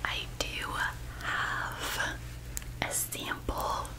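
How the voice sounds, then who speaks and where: A woman in a whispered role-play as a fairy designer. Her voice is a soft, breathy whisper, and she speaks slowly and gently. She attends to her customer with an unhurried, delicate manner. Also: poor audio. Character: gentle female fairy designer showing customer clothes and crowns.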